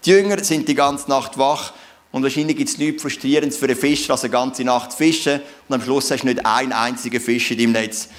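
A man's voice: mid-range voice, fairly even intonation, brisk. A man with a Swiss German accent preaching a sermon, telling the story conversationally and asking rhetorical questions.

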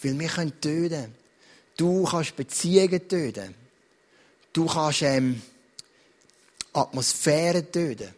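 A middle-aged man with a Swiss German accent preaching a sermon as pastor, in an animated, direct, conversational way. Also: on the high side, slow, pauses often.

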